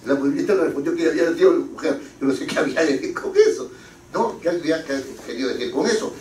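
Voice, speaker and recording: A man lectures in a slightly high, animated voice, full of rhetorical questions and stories. He is caught from a distance in a roomy hall with a faint ambient hiss behind him. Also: fast. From Peru. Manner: lively, rhetorical questions, anecdotes. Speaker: parliamentary writing instructor. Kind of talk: classroom lecture. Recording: echoey hall from afar.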